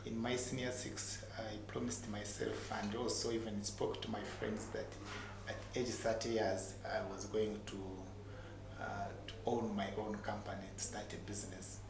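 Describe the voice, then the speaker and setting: A man with a Ugandan accent speaks in a low, fairly flat voice, telling motivational stories about himself. He pauses often and repeats words to drive them home. The recording is a noisy, echoey room. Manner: halting, repeats words for emphasis. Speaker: entrepreneur guest telling his story. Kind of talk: motivational personal storytelling in an interview. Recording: echoey room with clear background noise.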